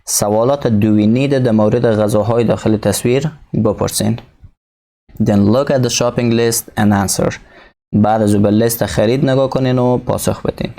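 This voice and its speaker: Gravelly man teaching English slowly. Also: mid-range voice, fairly even intonation, warm tone. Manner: reads English slowly, explains in Dari. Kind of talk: recorded textbook lesson.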